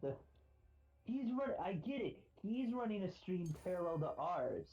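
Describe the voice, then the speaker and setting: A man's voice: high-pitched, sing-song, a little slow, a little mellow, low-quality recording. A man co-playing on a stream, chatting in a rambling, laid-back way full of fillers. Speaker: guest co-player on a stream. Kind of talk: casual gaming stream chat.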